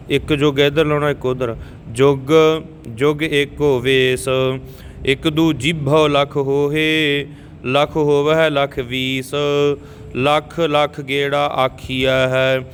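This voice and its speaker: A man teaching scripture recitation, reading slowly line by line and stopping to explain how each word should be pronounced. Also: medium pitch, fairly bright tone, slight background noise. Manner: measured line-by-line recitation, stopping to correct pronunciation. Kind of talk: slow scripture recitation lesson.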